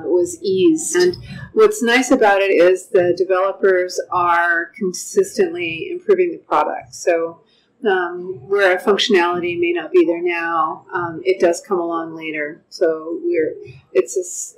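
An older woman, a clinic manager, gives an unscripted customer testimonial in a measured way, pausing often with "um", seated indoors with a lapel mic. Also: lowish voice, steady tone, slight background noise, rough recording. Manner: measured, frequent "um" pauses. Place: wood-paneled room with large windows, indoors.

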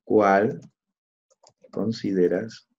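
A man's voice: fairly low pitch, fairly even intonation, drawn-out words, creaky, a little mellow, breathy edge, dull audio. Man leading a live online training. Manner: walks through clicks aloud, checks in with attendees often. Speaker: teacher trainer.

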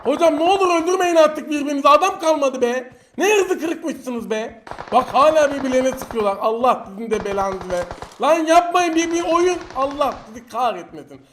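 A man commentating his own mobile battle royale match in Turkish-accented speech, excitable and taunting the opponents he fights. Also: extremely high pitch, a little fast, slight background noise. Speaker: mobile game streamer. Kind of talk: live gameplay commentary.

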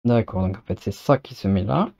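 A man hosting a casual unboxing video, chatting and thinking aloud as he goes, slowing down to read out product text. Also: lowish voice, gravelly, warm tone.

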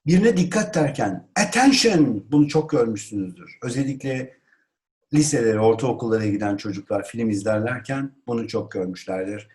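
A man teaching an online language lesson, calling out example phrases loudly and then explaining them calmly to viewers he addresses as friends. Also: fairly low pitch, fairly quick. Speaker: English teacher.

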